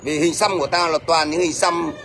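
A man's voice: a little high, fairly even intonation, a little fast, a bit bright. A middle-aged man with a Northern Vietnamese accent, ranting at a commenter on a livestream in a blunt, scolding way and often asking "thấy chưa?". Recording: faint background noise.

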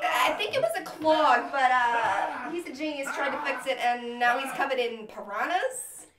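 A woman's voice: high voice, normal speed, a loud crowd. A young woman playing a caller in a comedy sketch, talking casually and sounding exasperated on the phone at home. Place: home hallway, indoors. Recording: echoey, distant, noisy.

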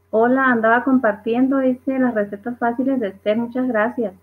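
Woman, livestream host, chatty comment reading, tinny phone-like sound. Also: a little high. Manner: reads viewer comments aloud with laughs. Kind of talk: casual live chat reading comments.

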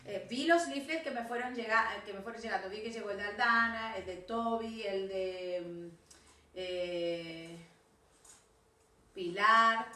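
A woman's voice: mid-range voice, measured pace, sharp tone, recorded from a distance. A woman teacher with a Rioplatense Spanish accent giving recorded class feedback, correcting pupils and often checking that they follow. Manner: corrective, keeps checking for understanding. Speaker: English teacher. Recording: echoey room, voice off-mic.

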